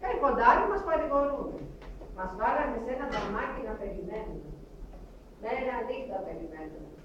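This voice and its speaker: A grieving refugee mother, played by a woman on stage, tells her story in halting, lamenting fragments. Her voice sits a little high. It rings through an echoey hall, heard from a distant mic with faint noise behind. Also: animated, fairly bright tone, highs cut off. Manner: halting, lamenting, clipped phrases. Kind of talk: theatrical monologue.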